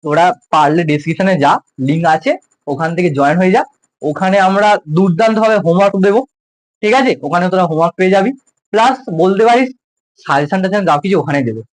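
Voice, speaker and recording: A man's voice: high voice, fast talker, rough recording. A male science teacher with a West Bengal Bengali accent, giving a casual, jokey classroom lecture to school students. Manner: informal, jokey, addresses students as close juniors.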